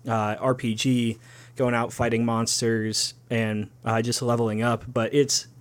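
A man co-hosting a podcast, explaining things in a steady, casual chat. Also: medium pitch, measured pace. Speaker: podcast co-host.

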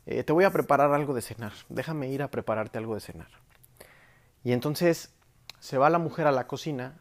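A man talking conversationally, telling an example story as a speaker on a topic, with frequent tag questions. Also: mid-range voice. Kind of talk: storytelling talk.

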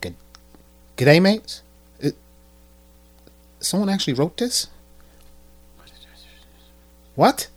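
A man's voice: sits high, sing-song, drawn-out words, long pauses. A man hosting his podcast, talking in a loose, joking way and stumbling over his cue cards. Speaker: podcast host. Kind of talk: casual podcast chat.

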